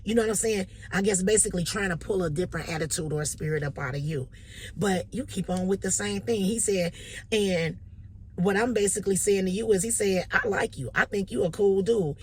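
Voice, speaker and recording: A woman vlogger with a Detroit accent, telling a motivational story in a casual, animated way and often checking in with "you know what I'm saying.". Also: mid-range voice, brisk, a little hiss or hum.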